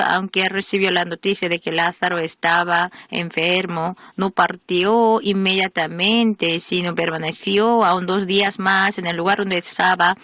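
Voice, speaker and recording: A woman reads a sermon voice-over in a steady, measured preaching manner. Her tone is bright and forceful, set a little low. The recording is close and dry. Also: dry recording. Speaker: voice-over reader of a translated sermon.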